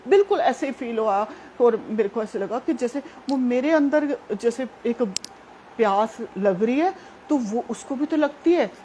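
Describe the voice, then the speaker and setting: A woman's voice: on the high side, expressive, unhurried, dark tone, slight background noise. A woman gives a devotional testimony, telling her story earnestly and speaking directly to her listeners. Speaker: devotee sharing a personal testimony.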